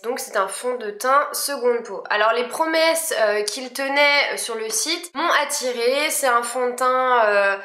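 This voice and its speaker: A woman's voice: a little high, a bit bright, reverberant. A young woman chatting casually through a makeup review, full of fillers and restarts. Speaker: beauty vlogger.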